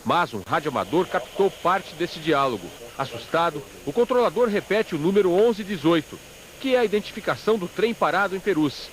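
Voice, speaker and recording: A man's voice: high-pitched, animated, fairly quick, a little hiss or hum, rough recording. A Brazilian man reading a scripted television news report as a reporter.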